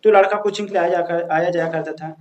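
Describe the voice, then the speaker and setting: High-voiced male storyteller. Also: steady tone, fast, a little mellow. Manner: chatty, addresses listeners as friends, frequent restarts and fillers. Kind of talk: casual storytelling narration.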